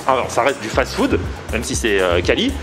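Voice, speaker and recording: A man hosting a food vlog, filming himself at arm's length on the street and in a small restaurant, chatting in an upbeat, lively way. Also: medium pitch, moderate pace, music in the background. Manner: upbeat, animated presenter. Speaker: food vlogger host. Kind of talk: casual vlog chat. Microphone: handheld camera at arm's length.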